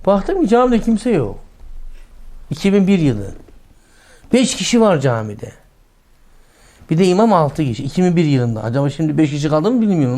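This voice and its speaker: A middle-aged male preacher giving a sermon in a lively way, acting out quoted lines in a raised voice and dropping softly for asides. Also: a little high.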